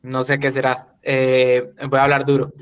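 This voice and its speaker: A man's voice: medium pitch, monotone, moderate pace, dull audio, slight background noise. A male student asking a hesitant question in an online seminar, his voice faint because his mic is held too far away. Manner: hesitant, many fillers. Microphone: distant mic on a video call.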